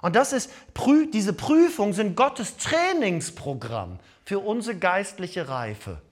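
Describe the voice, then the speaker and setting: A male pastor preaching a sermon, swinging from loud emphatic lines to hushed asides. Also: high voice, very animated, takes it slowly.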